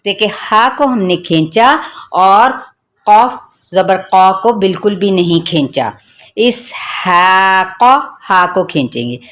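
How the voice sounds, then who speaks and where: A woman teaching Quran recitation, patiently spelling out each letter and then blending the syllables in a slow drill. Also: mid-range voice, lively intonation.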